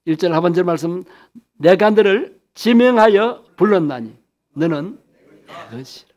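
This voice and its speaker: A man's voice: high voice, lively intonation, moderate pace, darkish tone. A man pastor preaching a sermon, asking the congregation questions and answering them himself, stretching key phrases for emphasis.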